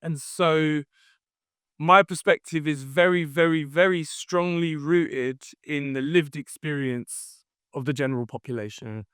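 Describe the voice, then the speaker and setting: Recorded close and dry with no room sound, a man from London talks through his career as a guest on a podcast. He's a company founder, and his voice sits a little high, smooth and resonant, as he answers in a relaxed, explanatory manner, often pausing on fillers to think.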